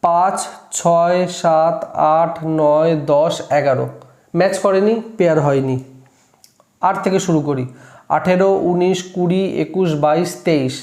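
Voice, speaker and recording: A man teaches a class from the board at a measured pace, counting aloud through each step and checking what he's done. His pitch is fairly high and his tone darkish, heard in an echoey room.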